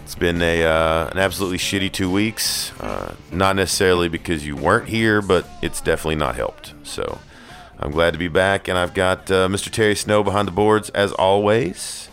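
Male podcast host, very low magnetic voice, rumbling, casual chat, self-deprecating. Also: animated, normal speed, vocal fry, fairly bright tone, soft background music. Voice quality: deep, magnetic, rumbling radio voice. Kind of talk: casual radio-show chat.

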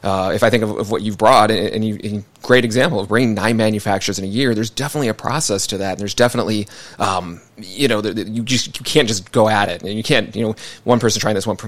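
A man's voice: fairly low pitch, a bit bright. A man hosting a business podcast, jokey and upbeat, often restarting his sentences. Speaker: podcast host.

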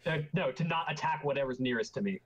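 A man's voice: fairly high pitch, fast talker. A man chatting casually as a player at a tabletop game, declaring his moves.

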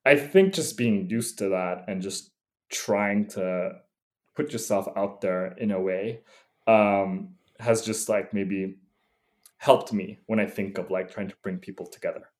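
A man in his thirties from Nepal talks casually as a podcast guest. His voice sits on the low side, and he talks in quick bursts full of fillers. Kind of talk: casual interview chat.

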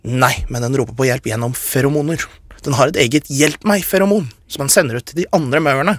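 A man's voice: medium pitch, a bit bright, dry recording, clean studio sound. A man hosting a radio show, explaining science in a casual chat and getting carried away with enthusiasm. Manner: enthusiastic, gets carried away and talks fast.

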